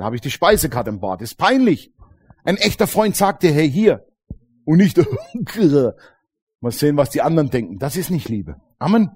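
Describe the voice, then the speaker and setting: A man preaching a sermon to a congregation, lively and colloquial, acting out little dialogues and often calling out "Amen". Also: fairly high pitch. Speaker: pastor. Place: church congregation.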